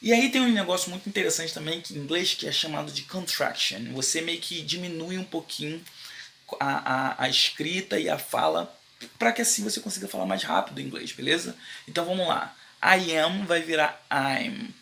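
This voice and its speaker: Brazilian male online English teacher; casual and slangy, bright gravelly voice, repeats phrases slowly for learners. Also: on the high side, animated, slight background noise. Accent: Brazilian Portuguese. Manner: slow, drawn-out repetition of English phrases for learners; informal, slangy Brazilian Portuguese with frequent "beleza?" check-ins.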